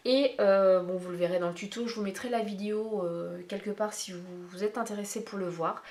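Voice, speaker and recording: A woman's voice: medium pitch, a little fast, darkish tone. A woman beauty vlogger chatting casually and at length to her viewers, talking straight to them as she wanders from point to point. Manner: chatty, meandering, addresses viewers directly. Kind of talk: casual makeup tag vlog. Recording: roomy echo.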